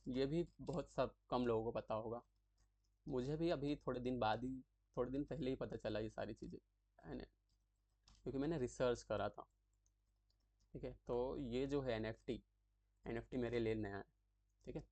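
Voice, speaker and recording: Male tutorial host, mid pitch, chatty and repetitive, close dry mic. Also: a little mellow, no echo. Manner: chatty, repeats terms slowly, frequent "thik hai" check-ins. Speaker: tutorial creator explaining acronyms. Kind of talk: casual explanatory lesson.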